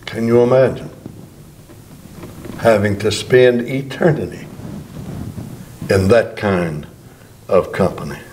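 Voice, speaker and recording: A man's voice: fairly low pitch, expressive, takes it slowly, pauses often, a little mellow, a little hiss or hum. An older man, a pastor, preaching a sermon at a church podium microphone, drawing out words for emphasis. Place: church sanctuary before a bank of flowers.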